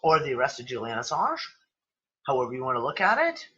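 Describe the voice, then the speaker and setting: Medium in pitch but swooping wildly, his voice runs a little fast with a sharp tone over lo-fi sound. He hosts a casual livestream chat on a video call through a computer mic, sniffling and losing his voice while rambling, exclaiming and swearing freely.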